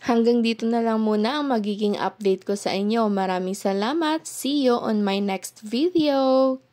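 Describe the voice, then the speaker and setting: A woman with a Filipino accent presents a product update for an audio brand, addressing viewers directly and explaining things in a semi-scripted video. Her voice is on the high side, a little mellow, at a moderate pace.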